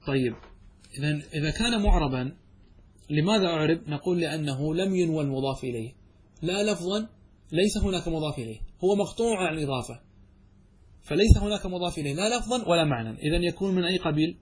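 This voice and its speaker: A man teaching a classical Arabic grammar lesson, who explains by asking and answering his own questions and recites verses slowly. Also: fairly high pitch, expressive, husky.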